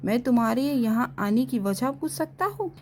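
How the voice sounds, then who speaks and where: Woman voicing a strict young male professor, curt and commanding, high voice for a man, storybook reading. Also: expressive, moderate pace, a little mellow, a little hiss or hum, natural voice. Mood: cold. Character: stern young male university lecturer.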